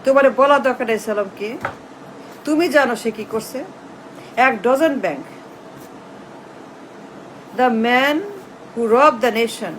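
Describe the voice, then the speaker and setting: A woman's voice: high-pitched, lively intonation, slow pace, long pauses, a little hiss or hum, low-quality recording. A woman, giving a political commentary as a rant to camera, firing off repeated rhetorical questions in an accusatory, scornful way. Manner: emphatic, repetitive rhetorical questioning.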